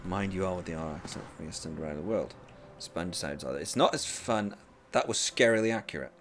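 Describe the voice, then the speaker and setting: A Norwegian man from rural Western Norway streams a game and chats casually with a sore throat, his voice low-pitched and a little fast. He rambles chattily with many restarts, and faint music plays behind him.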